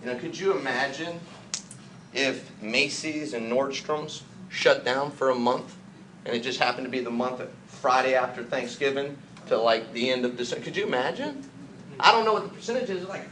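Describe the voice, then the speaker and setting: A man from the United States giving an energetic motivational business training talk, full of rhetorical questions and jokey asides. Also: medium pitch, fairly quick. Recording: echoey room, faint background noise.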